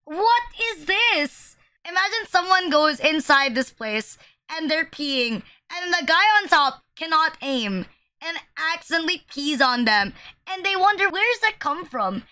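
A woman's voice: high-pitched, animated, a little slow, bright, forceful tone. A young woman streamer reacting to memes in casual commentary, swearing a lot and laughing often.

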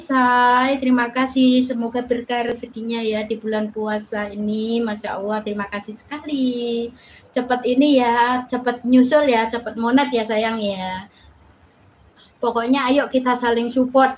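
Woman, high-pitched, chatty live-stream host greeting viewers; faint background noise. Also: fairly even intonation, moderate pace. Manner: chatty, reads viewer names aloud, laughs often.

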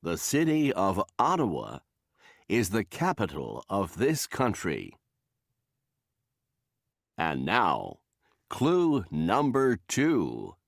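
A man voicing a game show host on a scripted textbook listening recording, with a slow, showy delivery. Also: deep voice, wildly swooping pitch, vocal fry, no room sound, studio quality.

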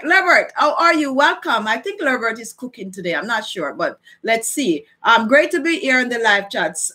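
Speaking at medium pitch with a sharp tone, a middle-aged woman with a Jamaican accent chats casually with her livestream viewers from a small furnished room indoors. She's a beauty vlogger who repeats phrases to drive points home.

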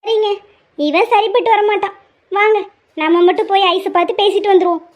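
A woman with a very high voice doing cartoon character voices. She scolds and orders others around in a bossy tone. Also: brisk. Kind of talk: cartoon story voice acting.

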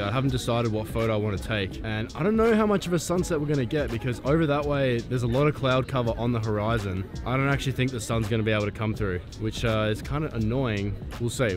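A man in his twenties filming himself at arm's length as he walks a city and a rooftop, talking casually and swearing freely. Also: medium pitch. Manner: laid-back, swears freely, excitable. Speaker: photography vlogger. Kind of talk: casual vlog. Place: outdoors in a city and on a rooftop terrace. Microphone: handheld camera at arm's length.

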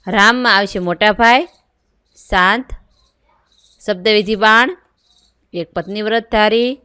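A woman's voice: mid-range voice, a bit bright, clean tone, no echo. A woman teacher reading a worksheet aloud, going through items and answers one by one. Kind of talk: worksheet lesson read aloud.

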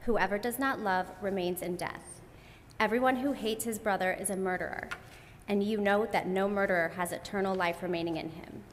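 A woman's voice: mid-range voice, fairly even intonation, normal speed. A woman around forty reading scripture aloud as a lector in formal phrases. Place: church, at the lectern. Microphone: gooseneck lectern microphone. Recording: echoey church with background noise.

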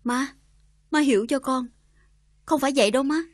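A woman's voice: sits high, fairly quick, no echo. An actress with a Southern Vietnamese accent playing a troubled young wife who pleads politely with her mother and uncle. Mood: pleading.

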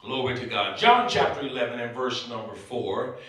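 Male bishop at a pulpit microphone, crisp bright tone, heavy church echo, sermon cadence full of amens. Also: mid-range voice, moderate pace. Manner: punctuates phrases with frequent amens. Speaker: bishop preaching. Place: church sanctuary. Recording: echoey church sanctuary, mic at a distance.

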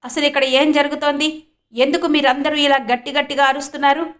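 A woman's voice: a little high, fairly quick, close to an everyday voice. A woman voicing an arrogant, suspicious male bank manager in a storybook reading, speaking in a demanding tone. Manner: demanding, accusing.

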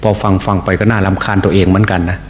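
An older monk with a Northeastern Thai accent preaches in a very low voice, unhurried and deliberate, often pausing and repeating his words. The sound is roomy, with a long reverb trailing off each phrase. A faint hum sits underneath. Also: little pitch movement. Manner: slow, deliberate speech with repeated words and many pauses; frequent hesitation fillers. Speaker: Buddhist monk giving a sermon. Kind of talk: sermon. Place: temple hall. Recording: echoey hall recording with faint hum.

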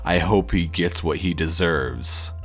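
A man narrating true scary stories in a slow, measured storytelling manner. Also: deep voice. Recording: faint music under the voice.

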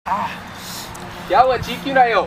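Brief: man as a strict, sarcastic sketch dad, loud, highish voice, echoey room. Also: normal speed, recorded from a distance, slight background noise. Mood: scolding. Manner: loud, sarcastic, insulting scolding. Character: strict, angry middle-aged father. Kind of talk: comedy sketch.

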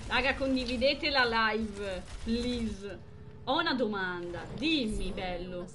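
A young woman streaming a game live, chatting with viewers and exclaiming excitedly over the action. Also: on the high side, takes it slowly, a crowd in the background. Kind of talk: live gameplay commentary.

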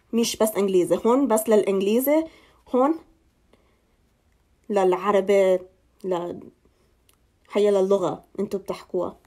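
A woman's voice: medium pitch, darkish tone. A young woman from Ohio speaks hesitant Levantine Arabic with an American English accent, giving an informal news update and mixing in English terms. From Ohio, United States. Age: young adult. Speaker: local TV channel presenter. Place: small indoor room. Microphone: phone at arm's length.

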